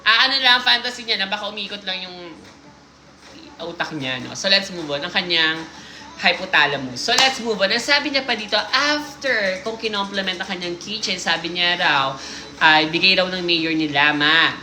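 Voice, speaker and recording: Bright-voiced woman livestream host. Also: lowish voice, normal speed, reverberant, slight background noise. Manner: playful, teasing asides while reading aloud. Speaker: livestream host reading listener stories. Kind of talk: casual livestream chat.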